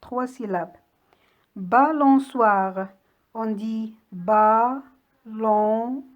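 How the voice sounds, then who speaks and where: In what sounds like a voice-over with phone-quality audio, a woman teaches young children to read. Slightly high-pitched and patient, she spells out every word clearly, syllable by syllable, at a slow classroom pace.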